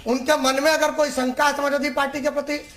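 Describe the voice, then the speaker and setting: A man's voice comes in over a phone line, pitched high and sometimes sounding distant. He argues as a party spokesperson in a political debate. He is insistent and talks over the host, stumbling into restarts as he pushes on. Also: little pitch movement, fairly quick, fairly bright tone.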